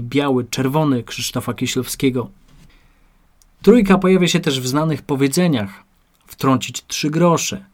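Man reading a rhetoric lesson. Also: medium pitch. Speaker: narrator. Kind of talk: scripted audiobook narration.

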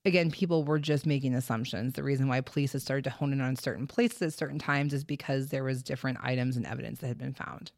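A woman's voice: rumbling low, fast talker, creaky, hardly any pauses, a little mellow, no echo, clean studio sound. A woman hosting a casual true-crime podcast, reading case details and stumbling now and then over place names. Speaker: podcast host.

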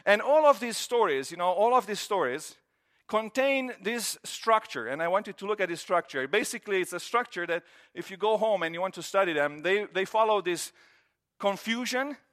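A man's voice: sits high, a bit bright. A man, preaching a sermon in an earnest, conversational way with repeated phrases. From Romania. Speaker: pastor.

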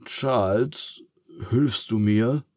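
A man's voice: medium pitch, a little mellow, no echo, studio quality, pitched above the performer's own voice. A man doing a bumbling forgetful wizard. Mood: puzzled. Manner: bumbling, chants spells slowly. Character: forgetful, muddled old male wizard. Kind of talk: storybook reading.

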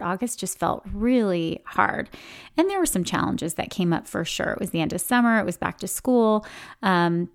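A woman's voice: fairly low pitch, clear, resonant tone. A middle-aged woman hosting a podcast, talking candidly in a casual, reflective way with lots of filler words. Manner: chatty, candid, many "like" and "you know" fillers. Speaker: podcast host.

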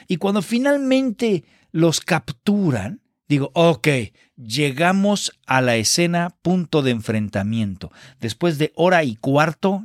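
A man's voice: a little high, dry recording, studio quality. A man giving a casual, exasperated and sarcastic spoken film review. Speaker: film critic.

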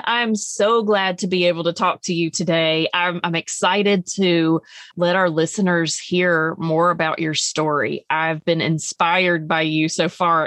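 A woman's voice: lowish voice, a bit bright, no room sound, clean studio sound. A woman hosting an interview podcast, speaking in an earnest, encouraging way. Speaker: podcast host. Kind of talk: interview host, reading an introduction.

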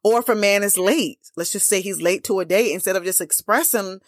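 A woman's voice: medium pitch, a little fast, no echo, clean studio sound. A woman dating coach giving blunt, emphatic advice straight to her viewers, peppered with casual slang and lots of "like" fillers. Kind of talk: direct-to-camera coaching talk.

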